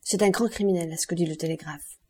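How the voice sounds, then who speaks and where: A woman reading an audiobook voices a gendarme sergeant giving brisk orders. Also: fairly low pitch, mellow, husky. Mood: commanding. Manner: brisk, commanding.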